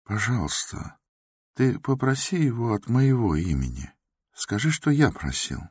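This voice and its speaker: A man voicing a meek, soft-spoken middle-aged doctor in an audiobook, talking quietly and apologetically. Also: medium pitch, sing-song, unhurried, a little hiss or hum, voice pushed up. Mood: gentle. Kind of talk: audiobook character voice.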